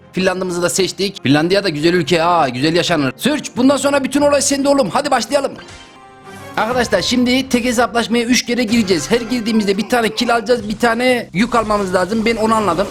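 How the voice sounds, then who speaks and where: A young man giving loud, joking, exclamatory commentary while playing a mobile game. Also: sits high. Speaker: gaming YouTuber. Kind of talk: excited gameplay commentary.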